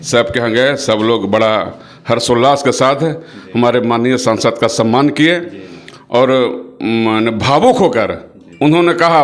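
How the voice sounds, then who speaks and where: A middle-aged man, a local politician, speaking forcefully to the press and repeating phrases for emphasis. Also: medium pitch. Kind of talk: impassioned political speech to press.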